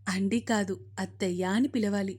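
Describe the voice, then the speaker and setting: A woman's voice: medium pitch, steady tone, moderate pace, a little mellow, slightly rough, close to an everyday voice. A woman doing a firm, commanding mother-in-law. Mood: commanding, affectionate. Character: stern yet loving middle-aged mother-in-law.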